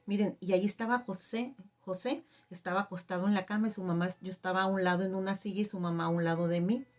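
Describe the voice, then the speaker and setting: A middle-aged woman telling a personal faith testimony, halting and emotional, with many fillers. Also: medium pitch, fairly even intonation. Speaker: testimony giver.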